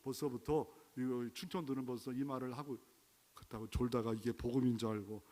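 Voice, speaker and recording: A man's voice: mid-range voice, steady tone, brisk, warm tone, in a large hall. A man from Chungcheong, Korea, preaching a sermon as pastor, with emphatic exclamations and rhetorical questions. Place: church sanctuary.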